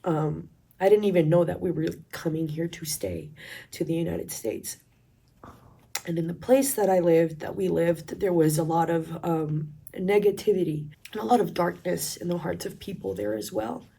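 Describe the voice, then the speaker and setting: A woman from Colombia sharing a personal faith testimony in a reflective, earnest way, with pauses. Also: fairly low pitch, vocal fry, slightly rough. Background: soft instrumental music.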